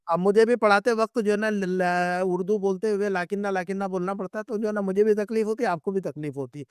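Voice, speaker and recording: A man's voice: high voice, darkish tone, smooth, no room sound, clean studio sound. A man, teaching an Arabic class online and patiently repeating points to check his students follow.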